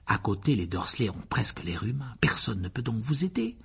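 A man voicing a polite, awkward young wizard who speaks in a hushed, hesitant voice, with a creaky, husky tone. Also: lowish voice, sing-song, a little fast, heavily acted.

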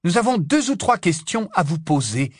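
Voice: mid-range voice, sing-song, normal speed, breathy edge, no echo, studio quality, pitched above the performer's own voice. A reader voicing a guarded teenage boy wizard who speaks tersely in an audiobook.

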